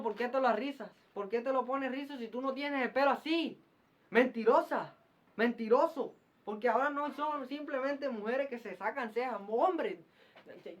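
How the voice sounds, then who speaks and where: A man preaching a fiery, scolding sermon, firing off rhetorical questions and repeating himself. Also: very high voice. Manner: repeats phrases and stumbles into restarts. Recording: muffled lo-fi recording.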